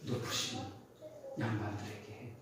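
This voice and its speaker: Pastor voicing a calm solemn teacher, low and quiet, roomy hall from far off. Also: male voice, background noise, close to an everyday voice. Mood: grave. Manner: quiet, grave, measured. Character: calm solemn male teacher foretelling and correcting. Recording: echoey church hall from a distance.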